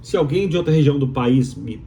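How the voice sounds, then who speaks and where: Pitched on the high side, gravelly yet mellow, this Brazilian man talks fairly quickly with lively intonation over a little hiss or hum. He's a doctoral student from Minas Gerais with a Mineiro accent, delivering an opinionated, emphatic, rhetorical explainer that repeats key phrases.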